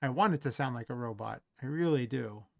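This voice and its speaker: A man with a gravelly edge talks to himself while he works, rambling and trailing off. He sounds tired from a long night of building a game. The sound is close and dry. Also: medium pitch, brisk, a little mellow, dry recording. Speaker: indie game developer streaming his work. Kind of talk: thinking aloud while working.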